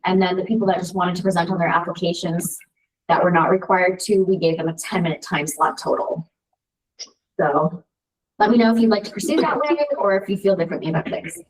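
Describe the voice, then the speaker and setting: Meeting lead, woman, organized, heard through a far-off room mic with an echoey, distant sound. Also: mid-range voice. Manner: organized, running the agenda. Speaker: meeting facilitator. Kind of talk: video call meeting. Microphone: room mic far from the speaker.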